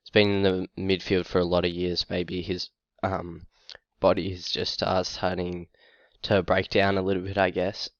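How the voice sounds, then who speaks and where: A sick man, short of breath and coughing, talking to camera in a halting, casual way with many ums and uhs. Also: low-pitched, monotone, no room sound, highs cut off. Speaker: fantasy football YouTuber.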